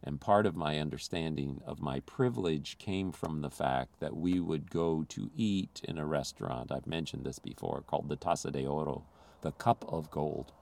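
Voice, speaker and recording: A man's voice: rumbling low, moderate pace, gravelly, a little mellow. A man who grew up in the Philippines, giving an earnest, confessional sermon as a pastor.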